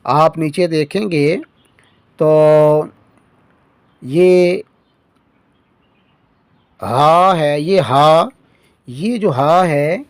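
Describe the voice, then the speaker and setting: Male teacher, slightly high voice, drawn-out letter sounds, dry close recording. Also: dry recording. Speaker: Quran reading teacher. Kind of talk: patient beginner lesson.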